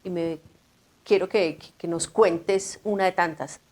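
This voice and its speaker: A woman hosting an interview who prompts her guest with measured questions. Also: on the low side, steady tone, a little mellow. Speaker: interview host. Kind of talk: conversational interviewing.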